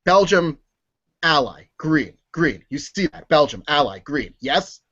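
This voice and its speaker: A man playing an earnest, flustered military aide in improv comedy, insistent and repeating himself haltingly. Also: on the high side, sing-song, pushed and bright, slightly rough, dull audio, heavily acted. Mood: urgent, insistent.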